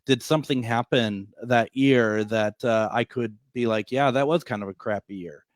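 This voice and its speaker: A man's voice: medium pitch, moderate pace, dry recording. Man in his fifties hosting radio, rambling and jokey, dry close sound. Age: 50s. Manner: rambling, many restarts, jokey. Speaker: radio show host. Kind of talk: casual interview chat.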